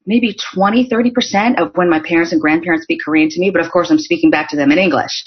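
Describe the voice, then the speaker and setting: A woman's voice: lowish voice, fast talker. A middle-aged woman from Northern California, a podcast guest chatting casually and telling stories with lots of fillers. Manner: chatty storytelling with frequent fillers. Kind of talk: casual interview conversation. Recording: dull lo-fi audio.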